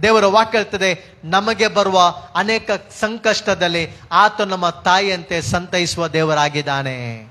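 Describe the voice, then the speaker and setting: Bright, very high-voiced male preacher. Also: a little slow. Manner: emphatic preaching with repeated phrases and English words mixed in. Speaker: pastor. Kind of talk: sermon.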